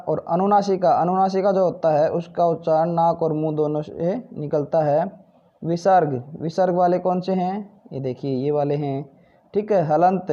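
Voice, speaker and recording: Patient teacher man, muffled lo-fi. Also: fairly high pitch. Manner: patient, repeats "ठीक है" and "भाई", asks then answers. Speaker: Hindi teacher. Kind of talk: explaining textbook exercise answers.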